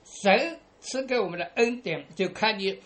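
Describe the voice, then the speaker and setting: A woman preaching a sermon to her congregation, padding phrases with drawn-out "ah" fillers and asking listeners rhetorical questions. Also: medium pitch, a bit bright.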